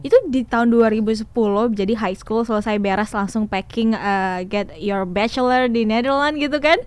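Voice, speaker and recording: Smooth-voiced woman podcast host. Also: a little high, moderate pace. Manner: encouraging listener, mixes in English words. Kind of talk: casual podcast interview.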